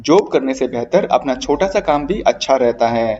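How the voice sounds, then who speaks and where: A man's voice: mid-range voice, lively intonation, normal speed, darkish tone. A man teaching a grammar lesson, chanting word forms in a rhythmic sing-song and addressing students fondly. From India. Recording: dull audio from a distance.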